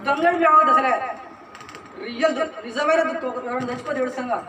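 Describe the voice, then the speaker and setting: A man's voice: very high voice, fast. A pastor preaches to his congregation, pressing them with rhetorical questions and repeated phrases. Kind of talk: Telugu church sermon. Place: church hall with congregation. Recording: roomy, distant, noisy church recording.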